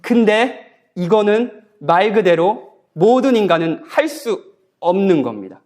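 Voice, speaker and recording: A man's voice: high voice, sing-song, takes it slowly, darkish tone. A man, a guest pastor, preaching a sermon at a church Bible conference in a conversational way, often asking the congregation questions. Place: church sanctuary.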